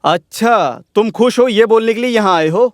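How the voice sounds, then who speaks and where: A man dubbing a stern moneylender who answers with dry sarcasm and keeps careful accounts. His voice is fairly high for a man, and the sound is close and dry. Dubbed film dialogue. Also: normal speed, no echo, natural voice. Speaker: moneylender landlord.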